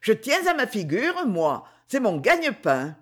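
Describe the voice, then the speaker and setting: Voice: mid-range voice, wildly swooping pitch, measured pace. A reader voicing a young showgirl who protests insistently in a storybook reading. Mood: alarmed.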